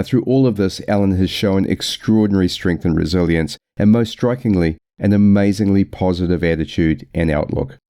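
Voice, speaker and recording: Deep-voiced man hosting a diving podcast. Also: mellow, no room sound. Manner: measured, friendly. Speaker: podcast host. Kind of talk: scripted intro then casual interview.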